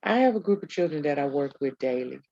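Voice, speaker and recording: A woman's voice: sits low, animated, fast talker, darkish tone, no room sound, highs cut off. A woman co-hosting a casual podcast, emphatic and talking straight to listeners as y'all. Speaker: podcast co-host.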